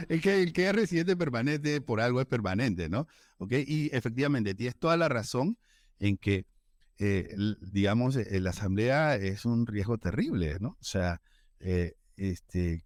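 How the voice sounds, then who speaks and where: Peruvian man, low voice, dry sound, easygoing panel moderator. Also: no room sound. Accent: Peruvian Spanish. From Peru. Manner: relaxed, joking, conversational. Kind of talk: panel discussion answer. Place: event room.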